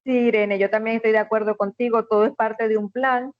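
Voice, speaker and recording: A woman telling a personal story in a casual conversation, with many restarts and pauses, over a video call. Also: a little high, fairly even intonation, no room sound, muffled recording. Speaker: guest. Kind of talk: casual chat.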